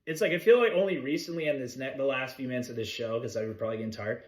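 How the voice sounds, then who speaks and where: A man in the middle of an easygoing podcast conversation, his voice at an ordinary middle pitch. He rambles, restarts his sentences and drops swear words without a second thought. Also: rapid-fire, crowd noise. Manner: rambling, self-interrupting, swears freely. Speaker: podcast co-host. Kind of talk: casual chat.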